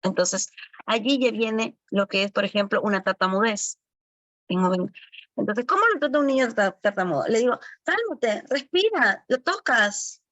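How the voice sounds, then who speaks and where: A woman's voice: medium pitch, normal speed, fairly bright tone, no room sound. A woman giving an online lecture to early-education assistants, explaining as she goes and correcting herself often. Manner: explanatory, with frequent self-corrections.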